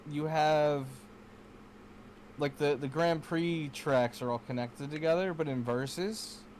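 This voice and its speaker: A man chatting casually while playing a kart racing game with friends, excitable and rambling, swearing often. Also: on the high side, slow, slight background noise. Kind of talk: casual gaming chat.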